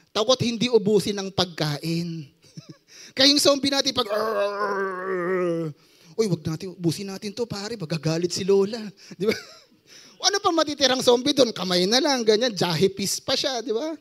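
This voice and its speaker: A man's voice: high-pitched, fairly bright tone. A young adult man with a Filipino accent preaching a sermon, joking and quizzing his audience as he mixes Tagalog and English.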